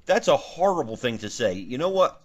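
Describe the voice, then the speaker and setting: Male host, comedy sketch, mock-indignant, lively pitch. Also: normal speed, lo-fi sound.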